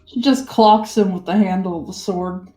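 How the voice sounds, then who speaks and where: A woman's voice: mid-range voice, fairly even intonation, normal speed, dark tone, faint music behind. A woman playing in a tabletop game, stating her character's actions matter-of-factly. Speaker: player. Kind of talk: casual tabletop game chat. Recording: echoey room.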